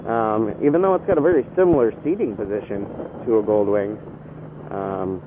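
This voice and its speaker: A man with a fairly low voice rambles casually from his helmet during a ride, talking at a moderate pace with some hesitancy, in typical motovlogger fashion. His band-limited helmet mic sounds phone-like and carries the noise of the engine and road.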